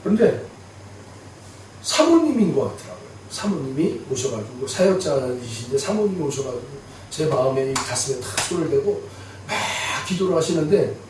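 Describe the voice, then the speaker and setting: A middle-aged male pastor preaching a sermon, telling a story with animated, emphatic, repetitive phrasing. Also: medium pitch, moderate pace, a little hiss or hum. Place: large church sanctuary. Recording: echoey hall from far off.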